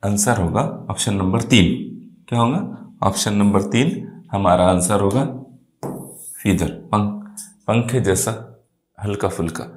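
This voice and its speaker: Slow, low-voiced male tutor. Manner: explains English words in Hindi, quizzing pupils. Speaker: teacher. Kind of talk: exam-prep lesson. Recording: echoey room.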